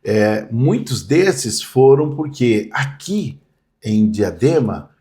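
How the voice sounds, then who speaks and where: A man's voice: mid-range voice, very animated, slow, dark tone. A man, a pastor vividly telling stories in a podcast interview. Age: 60s. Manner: vivid storyteller, acts out quoted voices.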